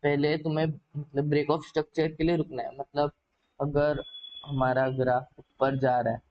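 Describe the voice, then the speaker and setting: A man learning trading explains a concept from his notes in a casual lesson, talking to the viewer hesitantly with many filler words. His voice is fairly high and level at normal speed, and the audio is dull.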